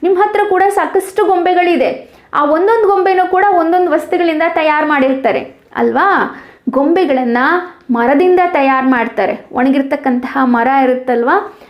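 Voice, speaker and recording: A woman's voice: sits high, measured pace, echoey room, highs cut off. A young adult woman teacher, explaining a school lesson to children and answering her own questions to the class.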